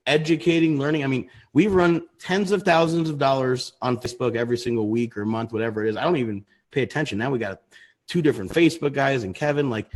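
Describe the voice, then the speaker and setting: A man's voice: on the high side, slightly rough. A man in his thirties co-hosting a casual livestream chat, rambling and restarting his sentences. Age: 30s. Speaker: co-host.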